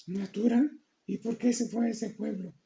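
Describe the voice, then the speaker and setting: A man's voice: high voice, steady tone, normal speed, creaky, mellow. A man voicing a curious listener who keeps asking questions and exclaiming in sympathy. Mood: eager.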